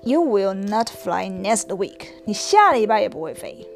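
A woman doing a slow, stern storybook elephant. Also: very animated, gravelly, faint music behind. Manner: slow, firm, lowered delivery. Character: cautious, stern elephant, a grown-up male friend. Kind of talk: storybook read-aloud.

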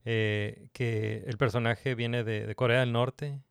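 A man's voice: mid-range voice, fairly even intonation, takes it slowly, creaky, clear, resonant tone, dry recording, clean studio sound. A man talking casually, hesitant, with many fillers and restarts as he asks questions. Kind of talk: casual conversation about a series.

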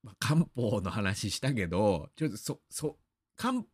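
Rambly guy from aichi hosting his show, pitch jumping all over, dry close sound. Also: big pitch swings, moderate pace, a little mellow, slightly rough, no echo. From Aichi, Japan. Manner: rambling and chatty, with many fillers and asides. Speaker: radio show host. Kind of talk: casual monologue.

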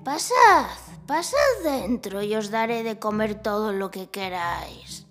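A woman voicing a wicked, bossy old witch in a children's storybook tale, with a creaky voice. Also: mid-range voice, lively intonation, measured pace, long reverb tail, faint music behind. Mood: sly, luring. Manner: commanding, luring.

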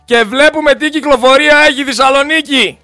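A male host delivering a heated, scornful ranting monologue with music playing behind him. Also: very high voice.

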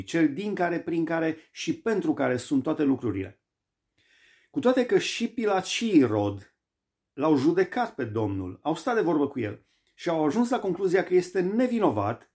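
A man's voice: on the high side, darkish tone. A man preaching a sermon, emphatic and repeating phrases for stress.

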